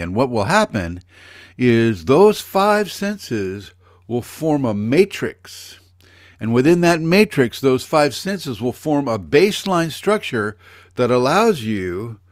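A man's voice: medium pitch, dry recording, clean studio sound. An older man giving a rambling, conversational spiritual teaching on a video call, talking to viewers by name. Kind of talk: live online spiritual teaching.

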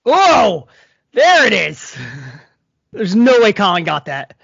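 A man's voice: high voice, sing-song, takes it slowly, gravelly, a bit bright, husky, dry recording, highs cut off. A male podcast co-host chatting casually, blunt and opinionated. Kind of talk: casual chat.

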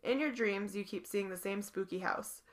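A woman's voice: medium pitch, normal speed. A young woman co-hosting a podcast, reading a board game story aloud with giggles and playful asides. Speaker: podcast co-host.

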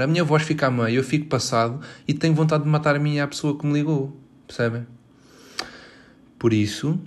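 Exasperated young Portuguese man ranting. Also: medium pitch. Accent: European Portuguese. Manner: sarcastic, exasperated, mock-dramatic. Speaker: podcast host. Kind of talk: solo podcast rant. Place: his bedroom.

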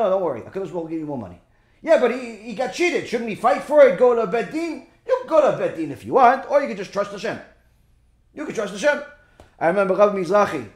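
A middle-aged man, a rabbi, giving a Torah sermon with emphatic rhetorical questions to his listeners. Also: high voice. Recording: roomy echo.

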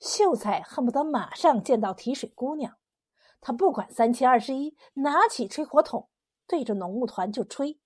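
A woman narrating a folk legend as a storyteller in a lively, expressive way. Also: high voice, moderate pace, husky.

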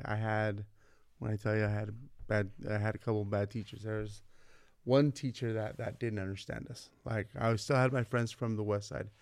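Gravelly-voiced man telling stories. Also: on the low side, no room sound, studio quality. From California. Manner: animated, acts out quoted dialogue in his stories. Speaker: vice principal, podcast guest. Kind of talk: casual storytelling interview.

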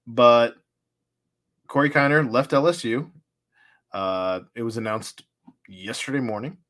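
Male host, mid pitch, conversational sports rundown, easy laugh. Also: unhurried, fairly bright tone. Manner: steers the talk, rundown of college football news, laughs easily. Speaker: podcast host. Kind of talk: casual sports chat.

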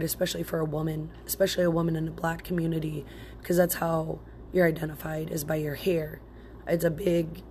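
A woman with a low voice, stuffed up from a chest cold, chats casually as a solo podcast host. Her nose sounds stuffy and her way of talking is blunt, slangy and playful. There is faint noise behind her. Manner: animated, blunt, slangy, jokey.

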